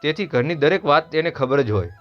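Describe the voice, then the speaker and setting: A man with a Gujarati accent narrating a family story in a steady, earnest scripted read. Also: a little high, brisk. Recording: dull lo-fi voice over soft music.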